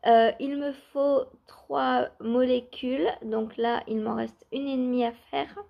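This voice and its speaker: A woman chatting casually in a knitting vlog, laughing often and filling pauses with hesitations. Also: sits high, steady tone, vocal fry, dull audio. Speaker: knitting vlogger. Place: outdoors or by open door, cool weather.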